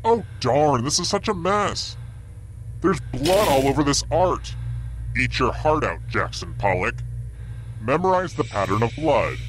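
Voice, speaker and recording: A man's voice: medium pitch, big pitch swings, a little slow, slight background noise. An actor playing a sinister male game show host who menaces the players in a sardonic, threatening manner. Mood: menacing. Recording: music playing behind voice.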